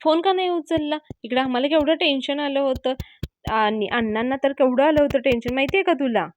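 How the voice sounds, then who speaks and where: A woman's voice: high-pitched, fairly even intonation, normal speed, dull audio, slight background noise, lightly acted. A woman voicing a worried young man asking urgent questions in a retold serial scene. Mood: anxious.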